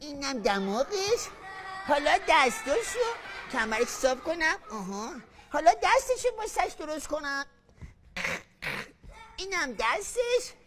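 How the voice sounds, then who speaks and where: A woman's voice: sits high, big pitch swings, a bit bright. A woman playing a fussy old carpenter. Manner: mutters to himself while working, fussy. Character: fussy old male carpenter puppet, fond and vain. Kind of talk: children's TV puppet storytelling.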